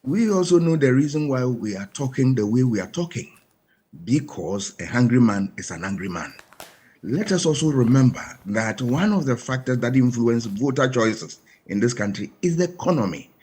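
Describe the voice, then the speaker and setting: A man's voice: medium pitch, animated, normal speed, a little mellow, husky. A man with a Ghanaian English accent, a panel guest giving emphatic commentary full of rhetorical questions.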